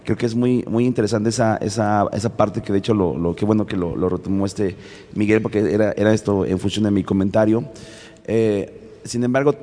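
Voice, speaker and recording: A man's voice: fairly low pitch, steady tone, fairly quick, dark tone, in a large hall. A man with a Mexican accent speaking in a panel discussion and telling stories, stopping and restarting often with many fillers. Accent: Mexican Spanish. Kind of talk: casual storytelling in a discussion.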